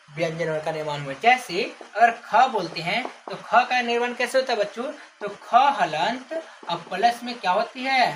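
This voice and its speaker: A woman teaching a grammar lesson to children, repeatedly asking the class questions and drawing out example words. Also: medium pitch. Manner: stretches out called names as examples. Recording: noisy background ambience.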